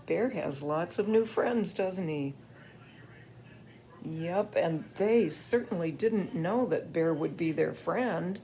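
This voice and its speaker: An older woman, a grandmother, reading a picture book aloud to her grandchild, gentle and playful and asking questions. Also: medium pitch, a little hiss or hum.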